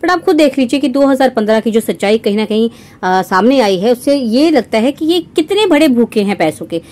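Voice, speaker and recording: Sarcastic woman vlogger, mellow voice. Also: fairly high pitch, lively intonation, fairly quick. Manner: mocking, sarcastic, frequent "है ना?" tag questions. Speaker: reaction vlogger. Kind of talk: scornful commentary to viewers.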